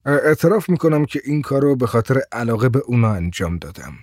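A man voicing a polite, calm male motorist who speaks evenly and courteously. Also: medium pitch, dry recording, clean studio sound.

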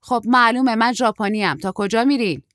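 A woman's voice: fairly high pitch, fairly bright tone, dry recording, voice pushed up, natural voice. A woman voicing a brusque, terse middle-aged woman who talks in a dry, impatient way.

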